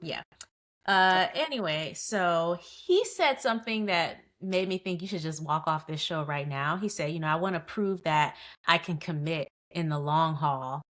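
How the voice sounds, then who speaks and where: A woman co-hosting a podcast, sharing firm takes on a reality show in easygoing conversation. Her voice is on the lower side. She presses her points with rhetorical questions. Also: measured pace, fairly bright tone. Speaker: podcast co-host. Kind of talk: casual recap chat.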